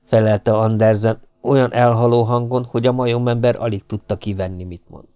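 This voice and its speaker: A man reading an adventure novel aloud as an audiobook narrator, steady and even. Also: mid-range voice, smooth, dry recording. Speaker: audiobook reader. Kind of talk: scripted narration.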